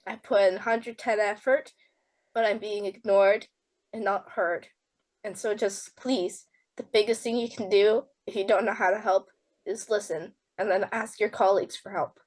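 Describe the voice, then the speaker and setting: A woman patient on a panel with a scratchy, hoarse voice, speaking frankly and pleadingly. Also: mid-range voice, steady tone, normal speed, darkish tone. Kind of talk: panel remarks.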